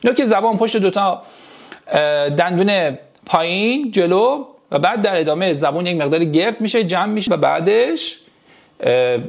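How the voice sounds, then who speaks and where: A man teaching a language lesson, slowly repeating each sound and word so his students can copy him, and speaking to them fondly and directly. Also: sits high, expressive, vocal fry. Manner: slow, repeats each sound and word several times for drilling; addresses the class directly and affectionately. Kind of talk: pronunciation lesson for beginners.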